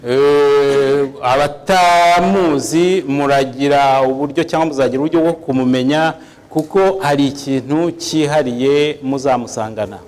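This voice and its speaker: A man's voice: mid-range voice, a little slow, a little mellow, big-room sound, low-quality recording. A man interpreting a church service phrase by phrase, with small hesitations. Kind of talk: live sermon interpreting.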